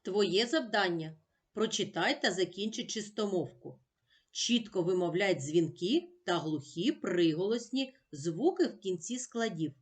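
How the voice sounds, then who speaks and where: A woman teacher giving a children's speech lesson, talking slowly with clear, deliberate diction. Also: mid-range voice, expressive. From Ukraine.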